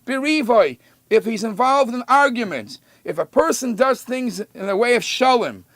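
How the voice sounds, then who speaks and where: In this Torah lesson, a rabbi with a high voice and pronounced gravelly creak explains scripture expressively and at a normal speed, recorded close with no echo. Quoted verses are stretched out for emphasis before he talks through them casually.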